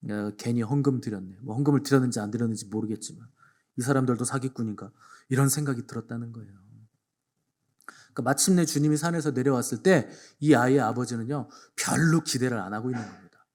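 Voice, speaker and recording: A male pastor delivering a Sunday sermon, retelling scripture with acted-out dialogue and sudden swings from quiet to forceful. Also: mid-range voice, fast. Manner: acts out biblical speakers in dialogue, swings between hushed and emphatic.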